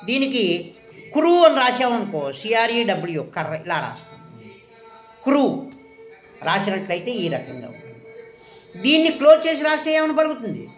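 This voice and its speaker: Female shorthand teacher with a high voice, quizzing in a classroom style; roomy echo, light music bed. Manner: quizzing, asks questions and answers them herself. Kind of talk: classroom lesson.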